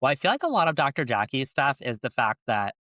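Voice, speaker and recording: A man's voice: mid-range voice, big pitch swings, fast talker, sharp tone, no room sound. A man co-hosting a podcast in casual chat, talking loosely with frequent restarts and laughs. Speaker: podcast co-host.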